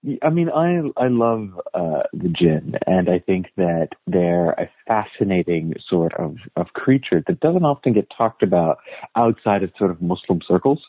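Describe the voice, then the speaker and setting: Low-voiced man on a tinny line. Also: big pitch swings, moderate pace, dry recording. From United States. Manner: thoughtful storyteller, frequent "uh" and repeated words. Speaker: guest historian. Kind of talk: casual interview conversation. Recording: tinny phone-like line, dry.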